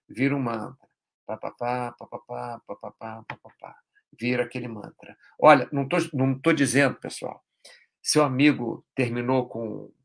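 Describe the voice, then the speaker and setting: A man's voice: mid-range voice, husky. A man hosting a live stream, explaining ideas casually in a rambling way, with frequent tag questions.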